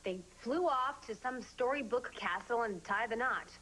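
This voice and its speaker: An actress playing a sharp-tongued, scheming young woman who talks in a sarcastic, biting way. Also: on the high side, moderate pace, slight background noise, close to an everyday voice, low-quality recording. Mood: spiteful. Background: background music.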